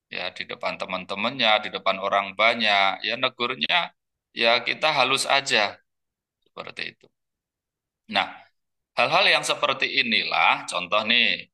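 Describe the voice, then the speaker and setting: A man giving a relaxed parenting lecture for a webinar, chatty and full of fillers, sometimes acting out gentle words a parent says to a child. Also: mid-range voice. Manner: conversational, with many fillers and repeated phrases. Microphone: webinar computer mic.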